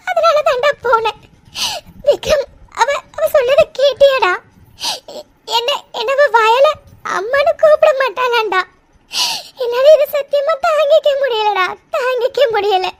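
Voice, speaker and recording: A grieving middle-aged mother in a cartoon begs through tears in a very high voice, as a performer puts her on. She stammers and repeats her words. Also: noisy background. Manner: sobbing, begging, stammering. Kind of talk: cartoon voice acting.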